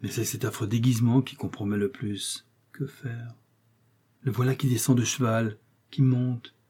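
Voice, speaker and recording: A man's voice: medium pitch, steady tone, moderate pace, mellow, slightly rough, close to an everyday voice. A man reading aloud, voicing a worried noble countess who scolds and gives urgent orders. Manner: scolding, pressing, anxious. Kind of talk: audiobook reading.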